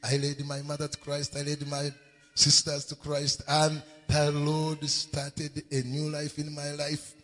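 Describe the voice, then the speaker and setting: Emphatic preacher in echoing church. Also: male voice, fairly high pitch, monotone, measured pace. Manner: emphatic, repetitive preaching with sudden shouts. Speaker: pastor. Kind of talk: sermon. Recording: long hall reverb in a church.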